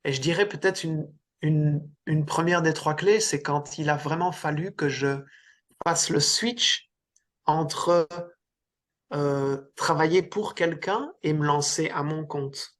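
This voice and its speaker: This Belgian coach, middle-aged and speaking as an interview guest, has a slightly high, somewhat bright voice and a slow pace. Recounting his career casually, he stumbles into many restarts and fillers.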